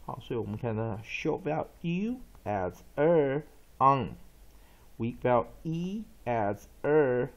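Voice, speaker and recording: A man teaching English pronunciation, repeating example words slowly and emphatically and dropping short filler particles between phrases. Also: mid-range voice, lively intonation, muffled recording. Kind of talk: pronunciation lesson.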